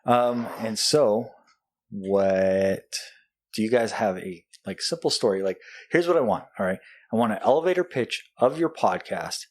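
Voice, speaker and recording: A man's voice: lowish voice, a little slow. A man hosting a podcast in a casual, playful chat with guests. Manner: playful, joking. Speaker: podcast host.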